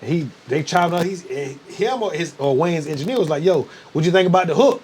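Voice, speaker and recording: A man's voice: on the high side, lively intonation, a little fast, a little mellow, a little hiss or hum. A man co-hosting a podcast, telling a story loosely and casually, with lots of "yeah" and profanity. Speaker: podcast co-host. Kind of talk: casual chat.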